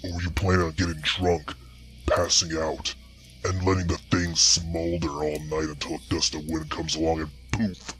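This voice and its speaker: A man growling as a raspy old bear, low and menacing. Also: little pitch movement, normal speed, a bit bright, soft background music. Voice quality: rough and raspy. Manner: snarling, threatening, low growl. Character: gruff old ragged male bear, menacing.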